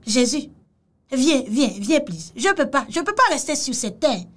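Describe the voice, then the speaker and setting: A woman's voice: high-pitched, very animated, measured pace, a bit bright. A woman giving casual reaction commentary on a video, mocking and exclamatory, repeating phrases.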